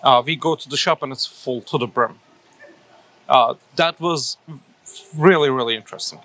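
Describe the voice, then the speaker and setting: A man's voice: mid-range voice, moderate pace, a bit bright. A man from Turkey in his thirties, a coffee shop owner answering interview questions thoughtfully, with many fillers and restarts.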